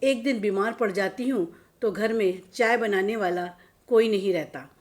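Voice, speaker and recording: A woman's voice: medium pitch, moderate pace, a little mellow, lightly acted. A woman voicing an overworked mother in her sixties, patient and resigned, in a storybook reading. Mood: weary. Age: 60s. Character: overworked sixty-year-old mother, patient and weary.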